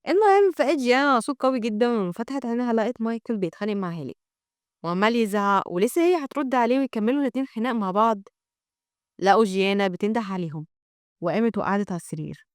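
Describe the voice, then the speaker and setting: Young egyptian woman telling a manhwa recap super fast, dry close mic. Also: on the high side, clear, resonant tone, no echo. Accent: Egyptian Arabic. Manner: rapid, steady storytelling. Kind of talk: storytelling recap.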